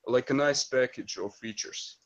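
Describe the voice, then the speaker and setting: A man's voice: mid-range voice, moderate pace, highs cut off. A man asking polite interview questions in a hesitant, roundabout way.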